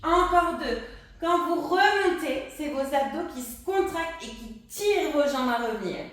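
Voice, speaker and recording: A woman's voice: high voice, animated, normal speed, a bit bright. A woman teaching a pilates class, guiding breathing and counting repetitions while she does the exercises herself. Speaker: pilates instructor. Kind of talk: guided workout instruction. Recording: echoey room, distant mic.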